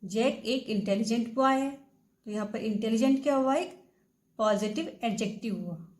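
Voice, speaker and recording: A woman teaching grammar. She reads examples slowly, translates them, and answers her own rhetorical questions. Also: on the high side, darkish tone, rough recording. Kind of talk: bilingual classroom explanation.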